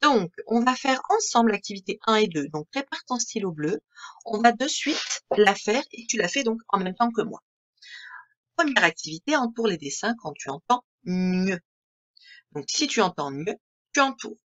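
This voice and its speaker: A woman with a French accent, teaching a reading lesson to young children in a slow, clear, patient way that spells out each word. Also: medium pitch, big pitch swings, fairly bright tone, lo-fi sound. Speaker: primary school teacher.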